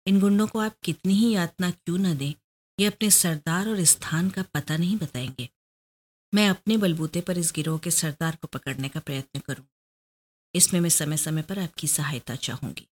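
A woman's voice: on the low side, close to an everyday voice. A woman voicing a proud, determined young woman detective who pleads her case earnestly.

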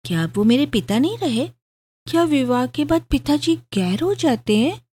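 A woman's voice: medium pitch, lively intonation, a little slow, darkish tone. A woman voicing a playful, pampered young bride, with a pouting, teasing sing-song delivery in a storybook reading. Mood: girlish.

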